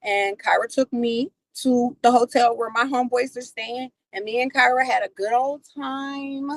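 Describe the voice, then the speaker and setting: A woman hosting a livestream, telling a personal story in a profane, animated way. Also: on the high side, moderate pace, no echo, rough recording. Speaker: livestream host. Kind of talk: casual storytelling.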